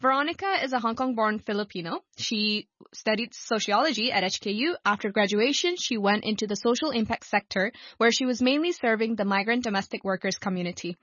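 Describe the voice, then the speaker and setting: Higher-voiced woman hosting a radio show. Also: fairly quick, hardly any pauses, fairly bright tone, no echo. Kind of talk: scripted radio hosting and interviewing. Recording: dull lo-fi radio broadcast.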